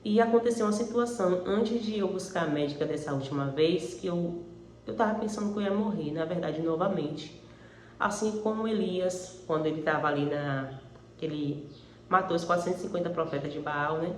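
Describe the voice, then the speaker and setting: A Brazilian woman shares a personal faith testimony in an earnest, chatty way, talking straight to fellow believers. Her voice is mellow and warm. The recording sounds roomy and echoey, with a faint hum behind her. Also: lowish voice, a little fast. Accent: Brazilian Portuguese. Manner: earnest, conversational, addresses listeners as brethren.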